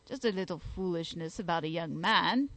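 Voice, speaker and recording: Woman voicing nervous old dad, talks quick and defensive. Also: fairly low pitch, a bit bright, no echo, pitched below the performer's own voice. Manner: hasty, defensive. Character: anxious older male lodging-house father.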